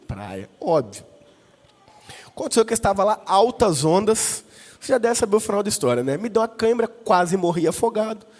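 A man's voice: sits high, fast talker. A male pastor preaching a sermon, telling a personal story and acting out the dialogue in different voices. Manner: animated, acts out dialogue with voices. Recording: long reverb.

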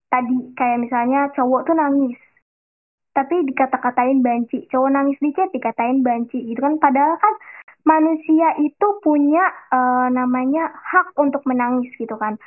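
A young woman hosting her own podcast, telling a personal story in chatty slang and speaking straight to her listeners. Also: high voice. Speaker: podcast host. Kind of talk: casual solo podcast chat. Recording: tinny phone-like sound.

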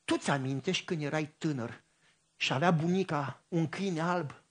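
Preacher doing his old dad, calm and soft, low and husky. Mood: gentle. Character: calm wise older father advising son.

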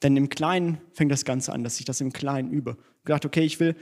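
A man's voice: mid-range voice, quick pace, darkish tone. A man preaching a sermon in church, conversational and self-deprecating, mixing teaching with personal stories.

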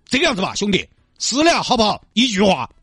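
A brash, insistent wealthy driver, played by a man, in a comedy skit. His voice sits high and bounces all over, and the recording is dry with faint music behind. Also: huge pitch swings, fast, fairly bright tone, breathy edge, no echo, exaggerated voice. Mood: pushy. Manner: insistent, chummy, keeps calling the other man brother. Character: brash wealthy male Audi driver, pushy and generous.

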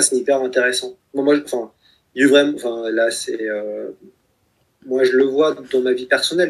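A man's voice: medium pitch, husky. A man in his thirties talking reflectively in a conversation, with many hesitations and restarts. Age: 30s. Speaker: guest, author of a book project.

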